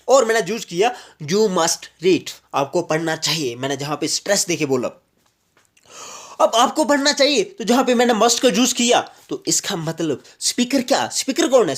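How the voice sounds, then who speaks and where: A man from Jammu and Kashmir, a teacher giving an explanatory grammar lecture and repeating each point slowly with English examples. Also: high-pitched.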